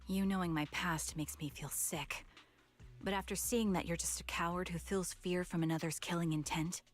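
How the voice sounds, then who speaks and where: A woman playing a cool, quietly resolute young sniper in a video game, speaking with cold restraint. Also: fairly low pitch, steady tone, normal speed, faint music behind, lightly acted. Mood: cold resolve.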